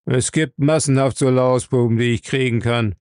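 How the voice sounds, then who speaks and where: A man reading aloud and voicing a crude, mean self-made boss who speaks in a rough, coarse, dismissive way. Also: mid-range voice, steady tone, moderate pace, darkish tone, dry recording, clean studio sound, close to an everyday voice. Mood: contemptuous. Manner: gruff and dismissive.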